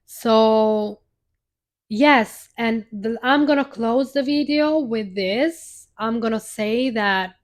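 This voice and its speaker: A woman's voice: on the high side, slow. A young woman hosting a live stream, telling a personal story in a casual, heartfelt, rambling way with many restarts.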